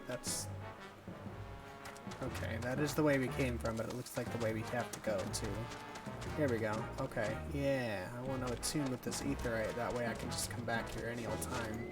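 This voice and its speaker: A man casually commenting while playing a video game on stream, thinking aloud in a relaxed way. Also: mid-range voice. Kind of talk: casual let's-play commentary. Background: game music.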